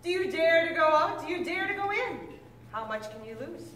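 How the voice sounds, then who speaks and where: A woman reads a picture book aloud at a moderate pace, lively and expressive, with big swings in pitch, occasionally stumbling and correcting herself. The mic sits at a distance in an echoey room, and there's a slight hiss or hum.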